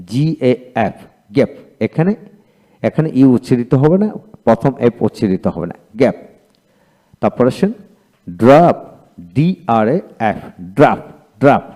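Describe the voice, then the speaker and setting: A male teacher with a Bengali accent gives a video lesson on English pronunciation. His voice is mellow and dark, and his pitch rises and falls widely as he spells out each word letter by letter. He says every word several times, slowly and deliberately.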